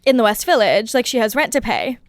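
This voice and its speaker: A woman's voice: a little high, expressive, a little fast, no room sound. A young woman chatting casually as a podcast guest, with lots of "like" and frequent laughs. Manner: chatty, fillers of "like", laughs often. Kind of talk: casual chat.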